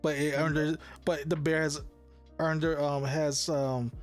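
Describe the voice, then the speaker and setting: A man's voice: on the high side, flat delivery, unhurried, faint music behind. A young man hosting a casual podcast chat, rambling with lots of restarts, swearing and laughing. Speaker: podcast host.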